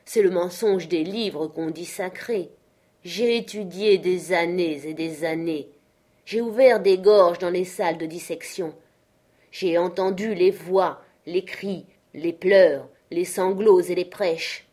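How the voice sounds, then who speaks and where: A woman reading an audiobook and voicing a bitter, obsessed male inventor whose broken voice comes out muffled and hoarse. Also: fairly low pitch, slow pace, a little mellow. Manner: grim and declaiming.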